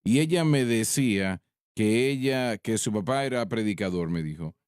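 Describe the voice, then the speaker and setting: A man, a preacher on a ministry panel, telling a story in a slow, deliberate way, with pauses and restarts. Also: fairly low pitch, expressive, a little mellow, clear, resonant tone, no echo, clean studio sound. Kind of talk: sermon-style storytelling in a panel discussion.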